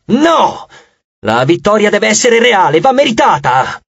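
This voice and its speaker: A man's voice: sits high, big pitch swings, measured pace, gravelly, fairly bright tone, breathy edge, no echo, highs cut off, exaggerated voice. A man voicing a frantic, overwrought goddess of victory who shrieks her demands in an audiobook. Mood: shrill.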